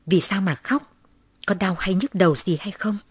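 A woman reading aloud voices a stern, quick-tempered mother who scolds her young daughter sharply. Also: mid-range voice, breathy edge, dry recording, lightly acted. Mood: coaxing.

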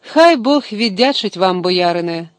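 A man's voice: high voice, expressive, a little slow, dry recording. A man voicing a worn-out, poor male scribe who speaks in a tired, plaintive way. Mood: humble. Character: weary poor male scribe, frozen and humble.

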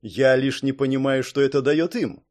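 A man's voice: mid-range voice, moderate pace, darkish tone, lightly acted. A man reading aloud, voicing a wary young man who mutters his questions.

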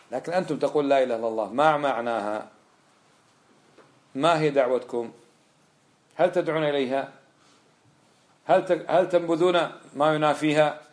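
A man delivers a fiery religious lesson, speaking very fast in a slightly high voice. He drives his points home with one rhetorical question after another. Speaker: religious teacher. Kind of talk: impassioned religious lecture.

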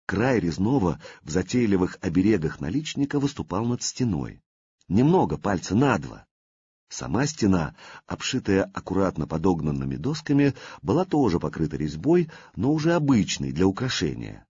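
A man narrating an audiobook in an expressive storytelling manner. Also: low-pitched, moderate pace, husky, no room sound, dull audio. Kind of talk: scripted narration.

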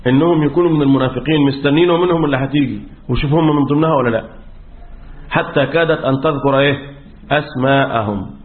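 A man teaching Quran recitation rules in Egyptian Arabic, asking questions and answering them himself, often clearing his throat. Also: mid-range voice, quick pace, roomy sound. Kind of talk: religious lesson on recitation rules. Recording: tinny phone-like audio.

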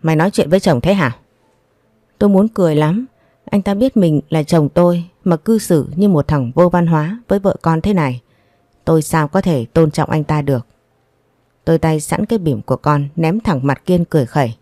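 A woman reading a first-person audio story in a steady, even storytelling manner. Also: low voice, normal speed, no room sound, studio quality. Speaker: narrator.

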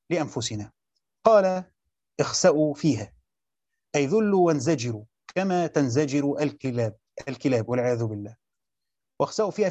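A man's voice: on the high side, a little mellow, no echo, dull audio. A man with an Egyptian Arabic accent teaching Quran commentary, reading a passage aloud, then explaining it and quizzing his listeners. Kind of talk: classroom lecture reading and explaining a text.

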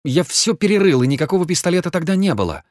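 A man reading an audiobook, voicing a frantic young man who swears he is innocent, his voice high and loud with fear. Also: very animated, normal speed, no room sound, studio quality. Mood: pleading. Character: panicky young man, accused, pleading.

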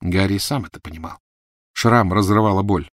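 Low-voiced male audiobook narrator. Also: moderate pace, no echo, studio quality. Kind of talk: scripted narration.

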